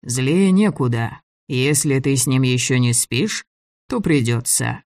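A relaxed, fatherly older man who speaks slowly and teases kindly, read by a man near his own voice. He sits at a middle pitch. The recording is close and dry. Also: no echo. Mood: calm.

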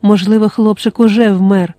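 Reader doing a desperate young guy, slow tense muttering, mellow tone, dry close mic. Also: high voice, fairly even intonation, dry recording, natural voice. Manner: tense, halting, muttering to himself. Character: desperate young man forced into surgery.

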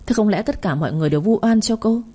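A woman voicing a menacing male street thug in a storybook reading, making gruff, threatening demands. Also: medium pitch, expressive, rapid-fire, dark tone, pitched above the performer's own voice.

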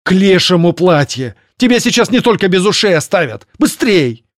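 A man reading an audiobook voices a fierce grey-skinned female elf warrior who shouts urgent scolding orders. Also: sits high, big pitch swings, moderate pace, no echo, studio quality, voice pushed up. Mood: angry, urgent.

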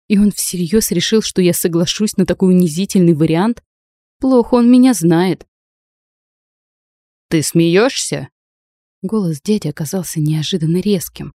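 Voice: mid-range voice, mellow, no echo. An audiobook narrator reading a first-person fantasy novel expressively, voicing a proud young heroine, in a dry close recording.

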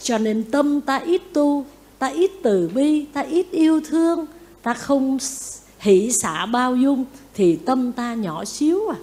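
Lively nun preaching. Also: female voice, high voice, takes it slowly. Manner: lively, asks the audience questions, acts out quotes. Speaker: Buddhist nun giving a dharma talk. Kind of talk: sermon.

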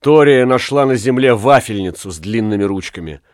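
A man's voice: mid-range voice, unhurried, dry recording. Male audiobook narrator, dramatic storytelling, dry close sound.

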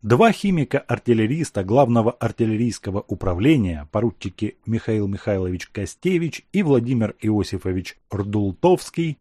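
Steady male audiobook narrator. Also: medium pitch, slightly rough, dry recording, clean studio sound. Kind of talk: scripted narration.

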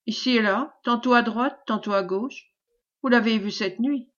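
A woman reading the lines of a servile, scheming man who flatters in a caressing, obsequious tone, in a storybook reading. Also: a little high, moderate pace, muffled recording, close to an everyday voice. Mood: fawning. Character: fawning, sly male schemer, servile and unctuous.

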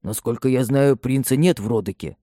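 Мужчина-чтец озвучивает вспыльчивого пожилого лесничего, который говорит возбуждённо и с восклицаниями. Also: male voice, medium pitch, fairly quick, warm tone, dry recording, clean studio sound, close to an everyday voice. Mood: agitated. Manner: agitated, exclamatory. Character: excitable older male forester, family man.

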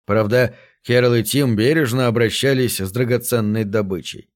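Male narrator reading a sci-fi story, steady measured pace, mid pitch. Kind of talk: audiobook narration.

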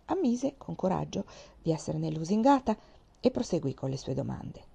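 A woman's voice: sits low, very animated, normal speed, creaky, dark tone, slightly rough, lo-fi sound. A woman narrating a novel as an audiobook, reading steadily and expressively. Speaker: audiobook reader.

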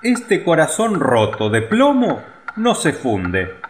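A man's voice: fairly high pitch, wildly swooping pitch, slow pace, a little hiss or hum, pitched above the performer's own voice, full character voice. A man doing a blunt foundry foreman. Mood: puzzled.

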